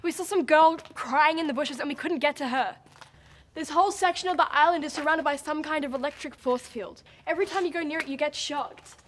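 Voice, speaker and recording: A woman's voice: sits high, brisk, a bit bright, slight background noise. A young woman playing a stranded teenager in film dialogue, warning the others urgently. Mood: explaining.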